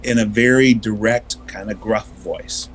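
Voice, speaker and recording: A man's voice: lowish voice, fairly even intonation, unhurried, a little hiss or hum, rough recording. A man playing a tabletop game, describing his character at length with some hesitant fillers. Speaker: player.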